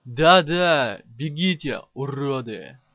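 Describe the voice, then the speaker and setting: A man reading an audiobook and voicing a crazed, frantic male soldier who drives a tank, yelling his lines. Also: on the high side, animated, normal speed, no room sound, highs cut off. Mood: gleeful raging.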